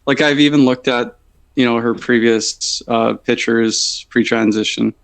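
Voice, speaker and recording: A man's voice: mid-range voice, fairly even intonation, a little slow, gravelly. A man talking bluntly and with strong opinions in a casual group discussion.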